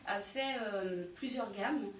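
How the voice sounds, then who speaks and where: A medium-pitched woman speaks slowly as she pitches candles at a home party, explaining every product in steps with many hesitations. The distant mic captures an echoey room and some faint noise.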